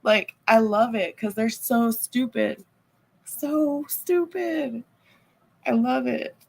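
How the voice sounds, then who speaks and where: Creaky-voiced woman chatting casually. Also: on the high side, a little slow, poor audio. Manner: rambling, heavy on fillers like "like" and "man". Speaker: livestreamer chatting with viewers. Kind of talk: casual chat.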